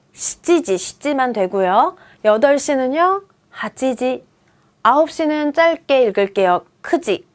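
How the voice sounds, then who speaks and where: A woman in her thirties teaching a beginner Japanese lesson, coaxing students along with quiz questions. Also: on the high side. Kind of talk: video lesson.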